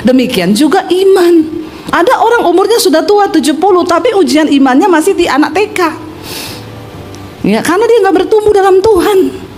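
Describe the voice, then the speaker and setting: A middle-aged woman pastor preaching a sermon. She swings between loud exhortation and hushed asides and puts questions to the congregation. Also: very high-pitched, expressive, normal speed. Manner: addresses the congregation directly with call-and-response questions. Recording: faint music behind.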